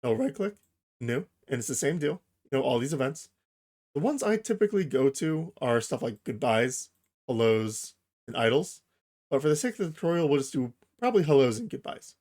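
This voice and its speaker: A man with a mid-range voice hosts a casual software tutorial, walking through it step by step in an informal way.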